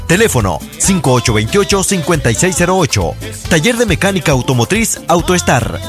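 A man's voice: a little high, big pitch swings, a little fast, over music. A man reading a radio commercial as an announcer.

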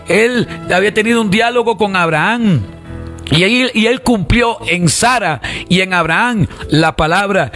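A man's voice: sits high, a bit bright. A man with a Costa Rican accent preaching an online sermon, fervently repeating phrases and calling on listeners to respond. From Costa Rica. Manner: fervent, repetitive calls to the congregation.

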